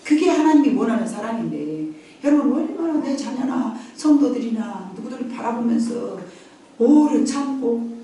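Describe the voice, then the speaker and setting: A woman's voice: fairly high pitch, animated, normal speed, warm tone. A woman preaching a sermon in a conversational way, acting out family voices and laughing often. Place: church sanctuary. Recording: echoey church hall from far off.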